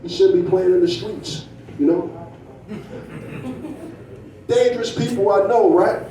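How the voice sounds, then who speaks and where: Man, stand-up comedian, high voice, mellow tone, profane storytelling, keeps asking "right?", echoey room, distant mic. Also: takes it slowly, a little hiss or hum. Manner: profane, tags lines with "right?". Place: comedy club stage.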